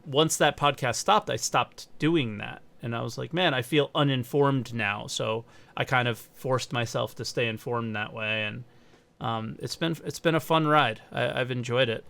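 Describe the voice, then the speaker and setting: A man's voice: medium pitch, creaky, bright, forceful tone, smooth. A man hosting a casual gaming podcast, rambling and correcting himself as he explains background. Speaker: podcast host. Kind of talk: casual chat.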